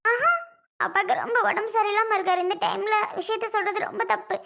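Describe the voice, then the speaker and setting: Woman doing a very high, gravelly tearful daughter. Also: fairly even intonation, brisk, bright, forceful tone, heavily acted. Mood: pleading. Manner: weepy, pleading, trailing off. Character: tearful young adult daughter, soft-hearted student. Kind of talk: comedic family skit acting.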